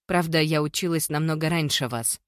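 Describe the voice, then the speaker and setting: A watchful middle-aged mother, as an audiobook reader puts her on, polite on the surface and probing underneath. Her questions come measured and pointed. Close, dry sound. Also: sits low, no room sound, close to an everyday voice.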